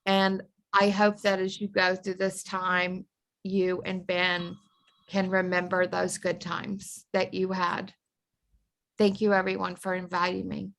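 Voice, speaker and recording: A woman's voice: lowish voice, completely flat delivery, measured pace, creaky, fairly bright tone. A woman sharing a tribute with an anecdote on a video call, telling it with fond, laughing asides. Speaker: friend and colleague giving a tribute. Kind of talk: remembrance storytelling.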